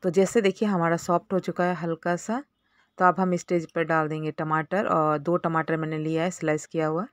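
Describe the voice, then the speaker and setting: A woman's voice: sits low, fairly even intonation, moderate pace, no echo, clean studio sound. A woman narrating a casual cooking tutorial for her channel, explaining each step in a chatty way with small fillers. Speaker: cooking vlogger.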